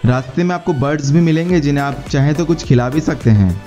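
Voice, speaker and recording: A man narrating a travel guide in a steady, explanatory tone, mixing English words into his speech. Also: fairly high pitch, quick pace. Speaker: travel vlogger. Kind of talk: scripted voice-over narration. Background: faint background music.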